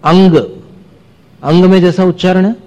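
A man's voice: medium pitch, dark tone. Man teaching verse pronunciation in a hall. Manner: explains pronunciation, chants verses slowly, asks the class questions. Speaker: religious teacher. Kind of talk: scripture recitation lesson. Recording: dull sound with long hall reverb.

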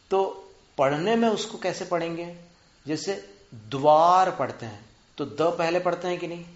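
A man teaching spelling and pronunciation, drawing out syllables slowly, counting them aloud and asking his students questions. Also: a little high. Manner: asks students rhetorical questions. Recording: muffled echoey room.

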